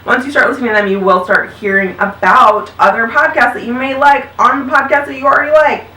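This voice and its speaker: A woman in her thirties, an upbeat host and mother, chats casually with her kids about podcasts and recommends some. Her voice sits high, bright, and forceful, with fairly even intonation and a fast pace. The mic is at a distance, giving a roomy sound.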